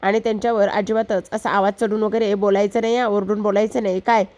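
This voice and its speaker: A woman's voice: medium pitch, level tone, brisk, a little mellow, natural voice. A woman voicing a bold, cheeky young village girl who teases and talks nonstop. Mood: sassy. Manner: chatty, teasing, rambling nonstop.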